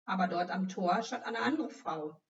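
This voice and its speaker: A woman reading a Bible story aloud for children in a scripted narration, expressive as she acts out the figures. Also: medium pitch, moderate pace, reverberant, slight background noise. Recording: dull, slightly distant recording.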